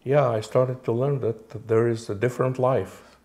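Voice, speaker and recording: A Moldovan man in his forties, whose native language is Romanian, answers interview questions haltingly, full of fillers and restarts. His mid-range voice is slightly mellow with fairly even intonation.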